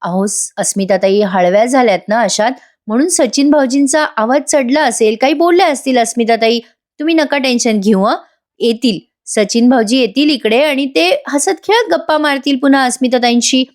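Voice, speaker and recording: A woman's voice: a little high, normal speed, lightly acted. A woman voicing a caring young sister-in-law who reassures and comforts the family politely. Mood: soothing.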